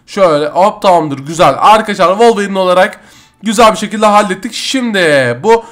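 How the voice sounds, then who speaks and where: A man hosting a game roleplay video, chatting excitably with slangy asides to viewers. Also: sits high, brisk. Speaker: gaming channel host. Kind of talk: Minecraft roleplay commentary.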